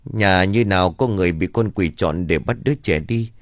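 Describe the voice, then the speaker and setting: A man's voice: sits low, normal speed, dry recording, studio quality, close to an everyday voice. A man voicing an anxious elderly village chief who speaks earnestly and implores for help. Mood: stern.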